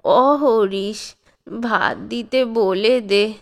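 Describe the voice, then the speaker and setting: A woman voicing a frail old grandfather of nearly a hundred, who cries like a child and begs for food in very slow, drawn-out pleas. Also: sits high, exaggerated voice. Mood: pleading. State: crying like a child.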